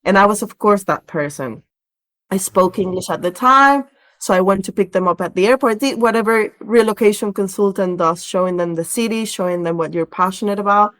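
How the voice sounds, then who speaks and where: Fairly quick and fairly bright in tone, this mid-range female voice belongs to a relocation director from Venezuela. She's a guest on a podcast, giving conversational answers that mix storytelling with explanation.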